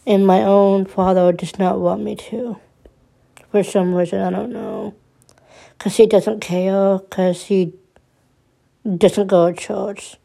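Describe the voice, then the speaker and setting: A woman in her twenties talking through her troubles in a personal monologue, halting and subdued, restarting and repeating her words often. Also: mid-range voice, flat delivery, vocal fry, warm tone. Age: 20s.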